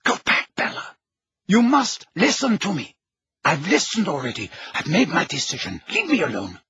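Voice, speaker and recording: A man reading an audiobook, voicing a desperate witch who speaks in a strained, breathy hush. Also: a little high, wildly swooping pitch, normal speed, no echo, pitched above the performer's own voice, full character voice. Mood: tense. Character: desperate pale adult witch, tense and secretive.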